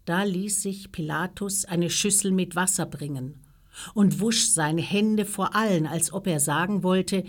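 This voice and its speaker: A woman tells a Bible story for children in a slow, measured way. Her voice sits low, and she reads at an unhurried pace. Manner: slow, measured reading, raising her voice for quoted speech.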